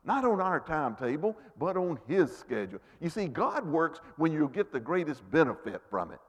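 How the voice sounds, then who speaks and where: A man preaching a sermon, rising and falling in volume and dropping low for emphasis. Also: very animated, normal speed, a bit bright. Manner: rises and falls sharply, drops to near-whispers for emphasis. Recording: long reverb of a large hall.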